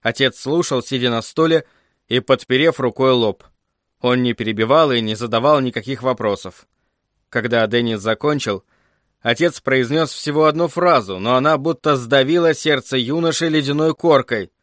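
A man's voice: medium pitch, moderate pace, fairly bright tone, no echo. Man reading a story, dry sound. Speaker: audiobook narrator. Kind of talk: scripted narration.

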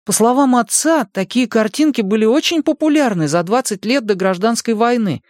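Boy, eager explainer, put on by a male narrator, raised pitch, dry close sound. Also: moderate pace, dry recording. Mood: explaining. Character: boy Mike, earnest, explaining old pictures.

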